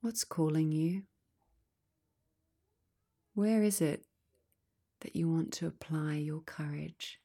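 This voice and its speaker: A low-pitched woman's voice, soft and breathy to the point of near-whispering, leads a meditation session. Calm and unhurried, she pauses at length after each short phrase.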